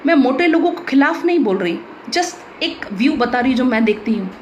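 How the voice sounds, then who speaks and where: A woman's voice: high-pitched, lively intonation, normal speed, slight background noise. An Indian woman pastor preaching a sermon in an emphatic, blunt way with teasing humor.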